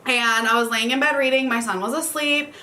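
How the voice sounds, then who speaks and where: A woman's voice: on the high side, fairly even intonation, brisk, pushed and bright. A woman, chatting casually about books for a vlog, laughing and swearing. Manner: chatty, swears, says y'all, laughs often. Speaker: book vlogger. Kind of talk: casual book tag chat.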